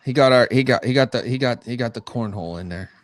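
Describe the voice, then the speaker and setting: A man's voice: mid-range voice, fast, no echo. A man co-hosting a livestream, chatting casually, laughing easily and often restarting his sentences. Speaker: co-host. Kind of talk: casual chat.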